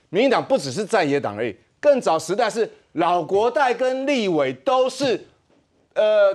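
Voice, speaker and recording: A man, a guest on a political talk show, arguing his points emphatically one by one. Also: sits high.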